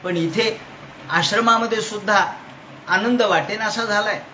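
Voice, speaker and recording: Chanting verses before explaining them and quizzing the audience, a man delivers a devotional Bhagavata discourse. He speaks a little slowly, his high voice pushed and bright. The hall is echoey, with faint background noise.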